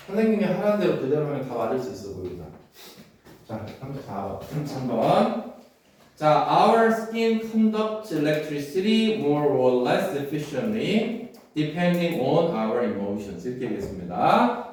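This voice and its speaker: A man lectures a classroom of students on an English exam passage, his fairly high voice swinging lively up and down. He keeps checking that they follow and slips between polite and casual speech. He sounds set back from the mic, with heavy room echo around him. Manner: keeps checking understanding with quick questions. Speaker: English teacher. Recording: very echoey room from a distance.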